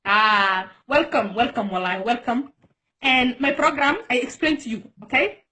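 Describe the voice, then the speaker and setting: High-voiced woman with a Djiboutian accent. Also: a little slow, pushed and bright. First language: Somali. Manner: broken English, repeats herself, coaxing. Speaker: live stream host. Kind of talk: casual live-stream chat.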